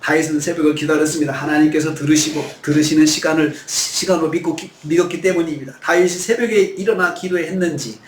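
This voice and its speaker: A man's voice: fairly high pitch, steady tone, fast, few pauses, reverberant, slight background noise. A man preaching a sermon as pastor, earnest and at times pleading. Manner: earnest, acts out pleading prayers with rising voice. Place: church sanctuary.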